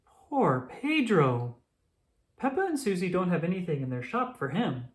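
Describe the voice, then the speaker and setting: A narrator reading a children's storybook aloud in a deliberate way for young listeners. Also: medium pitch, very animated. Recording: roomy echo.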